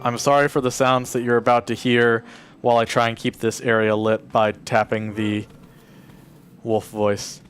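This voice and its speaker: A man's voice: mid-range voice, flat delivery, moderate pace, fairly bright tone, faint music behind. A man giving casual live commentary as he speedruns a game, explaining his route and coaxing the characters along. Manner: talks to the game characters while playing. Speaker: speedrunner playing live at a charity marathon.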